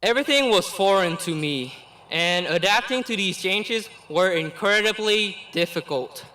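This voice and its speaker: Reading a prepared graduation speech in a low-quality recording, this young man from Vietnam speaks in a high, bright voice. He is in his late teens and a native Vietnamese speaker, and he weighs each phrase slowly and carefully. His tone stays earnest and deliberate, broken now and then by a quick little laugh.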